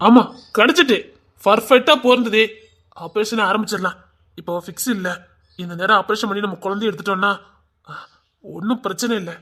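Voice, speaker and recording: A hospital doctor played by a man in a web drama, calm and reassuring. His voice is high and bright, and he has a Tirunelveli Tamil accent. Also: a little fast, pauses often.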